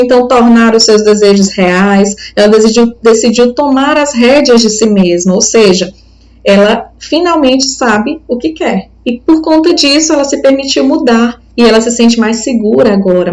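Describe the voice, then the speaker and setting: Patient high-voiced Brazilian woman teacher. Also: darkish tone, low-quality recording. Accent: Brazilian Portuguese. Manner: patient and explanatory, with frequent checks like "tá?". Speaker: Portuguese teacher. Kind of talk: recorded video lesson.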